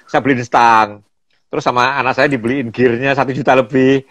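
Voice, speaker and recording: Older man, casual storyteller, lively, dry close sound. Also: mid-range voice, moderate pace, dry recording. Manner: animated storyteller, laughs often, acts out quoted voices. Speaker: photographer and guest.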